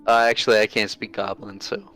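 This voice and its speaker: Smooth low-voiced man playing a game. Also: level tone, a little fast, fairly bright tone, soft background music. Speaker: player. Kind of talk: casual tabletop game talk.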